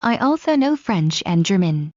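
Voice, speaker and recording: A woman reading scripted English practice dialogues in a slow, clear drill delivery. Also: medium pitch, sing-song, dry recording. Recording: muffled lo-fi recording.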